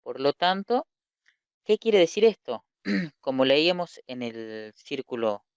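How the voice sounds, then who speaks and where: A man teaching an online lesson from slides, speaking deliberately, repeating key terms and asking rhetorical questions. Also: mid-range voice, big pitch swings, smooth, no room sound. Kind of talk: online lecture explaining slides. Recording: slightly muffled lo-fi recording.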